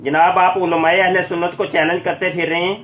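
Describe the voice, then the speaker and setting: Male live polemical host, high voice, combative and emphatic, echoey recording. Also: little pitch movement, fairly bright tone, slight background noise. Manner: confrontational, accusatory, emphatic. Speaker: YouTube channel host making a live call. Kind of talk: polemical live commentary to listeners. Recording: echoey, roomy sound.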